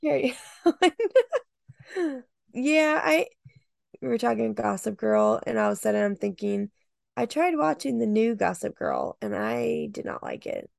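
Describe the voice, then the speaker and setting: A woman's voice: on the high side, animated, measured pace, creaky, long pauses, darkish tone, no echo, clean studio sound. A woman chatting casually on a video call about a book, laughing often. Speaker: podcast co-host. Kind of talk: casual book club chat.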